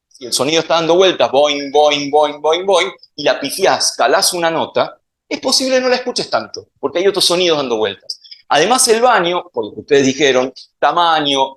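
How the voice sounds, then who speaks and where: Argentine man, science speaker, fairly high voice that swings widely, playful live talk. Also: a bit bright. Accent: Argentine Spanish. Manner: playful, quizzes the audience with questions. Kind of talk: public talk to a live audience.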